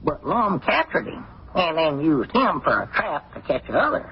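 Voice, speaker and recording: An actor playing Abner's part as a folksy, gullible older small-town storekeeper with a raspy voice and rural Southern accent, in 1940s radio comedy style. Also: male voice, fairly high pitch, sing-song, moderate pace, slight background noise. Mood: mildly exasperated. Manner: folksy, rambling, rustic grammar. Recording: dull, muffled 1940s radio recording.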